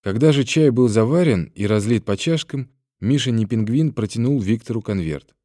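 A man reads an audiobook from a script, telling the story in a calm, even way. His voice is medium-pitched at normal speed, and the recording is clean with no room sound.

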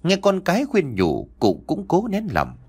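Male storyteller, husky voice, very lively intonation, dramatic audiobook narration. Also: a little high, measured pace. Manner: expressive, storytelling delivery.

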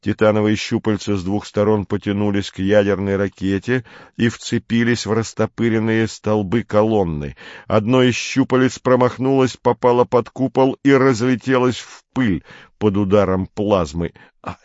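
A man reading a story aloud in an even, measured way. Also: fairly low pitch, no echo, muffled recording. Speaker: narrator. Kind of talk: audiobook narration.

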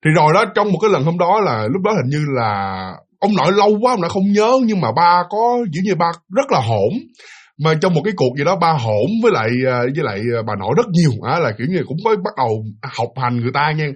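Speaking fast in a husky voice that runs on the high side, a man with a Southern Vietnamese accent spins a ghost story in a relaxed way. He's animated, addresses his listeners directly, and fills his talk with fillers.

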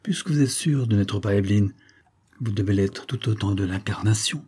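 A man's voice: fairly low pitch, moderate pace, a little mellow, husky. A man reading the part of a young husband, urgent and questioning. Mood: anxious, urgent.

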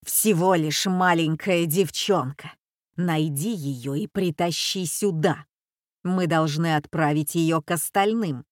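A woman's voice: low voice, slow pace, no echo, studio quality. A woman voicing a ruthless old female bandit who leads a gang, speaking in a commanding, scornful manner.

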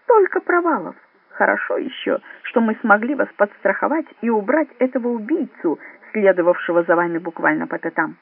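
A man voicing a pompous, indignant Soviet spy chief who blusters and shouts in an audiobook. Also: sits high, big pitch swings, moderate pace, slightly rough, no echo, heavily acted. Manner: blustering, shouting, self-righteous. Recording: dry, phone-like narrow sound.

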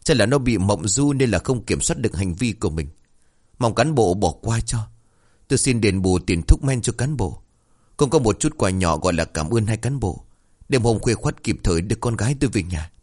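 A man's voice: lowish voice, expressive, normal speed, a little mellow, breathy edge. A man voicing an anxious, deferential middle-aged mother in a read-aloud story. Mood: imploring. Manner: pleading, deferential.

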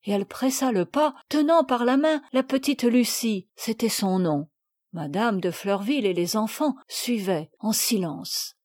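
Lady reading an old storybook, kinda high voice, mellow, dry close mic. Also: no echo. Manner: measured, expressive storytelling. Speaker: audiobook reader. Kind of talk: classic novel reading.

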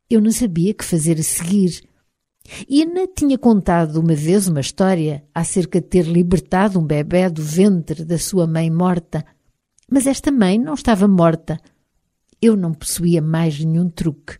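Mellow-voiced European Portuguese woman narrating. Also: on the low side, dry recording, studio quality. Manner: measured, expressive storytelling. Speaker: audiobook narrator. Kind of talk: first-person novel narration.

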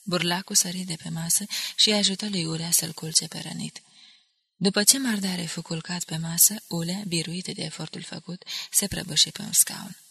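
A woman reading an audiobook in a measured, dramatic narration. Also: fairly low pitch, fairly even intonation, vocal fry, sharp tone, slightly rough, no echo.

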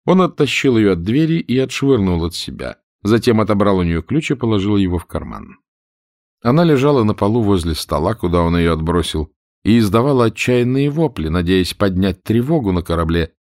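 A man reading an adventure novel aloud in measured, dramatic narration. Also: fairly low pitch, lively intonation, darkish tone, no room sound, studio quality. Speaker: audiobook narrator. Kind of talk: scripted audiobook narration.

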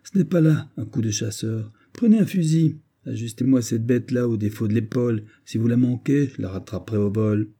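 A man's voice: lowish voice, a little fast, few pauses, mellow. A man reading aloud, voicing a brusque, commanding veteran hunter captain.

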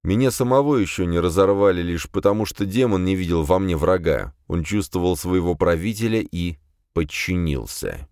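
A man narrating a first-person fantasy audiobook in a steady, measured way. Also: deep voice, clear, resonant tone, no echo, studio quality.

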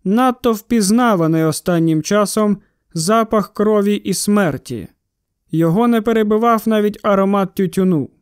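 A man narrating an audiobook in steady storytelling, close to the microphone. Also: high voice, moderate pace, clear, resonant tone, dry recording. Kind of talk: scripted narration.

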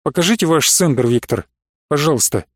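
A man voicing a calm, firm male army major who speaks in a measured, steady way. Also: on the high side, no room sound, clean studio sound, close to an everyday voice. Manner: measured, steady, stern when pressed.

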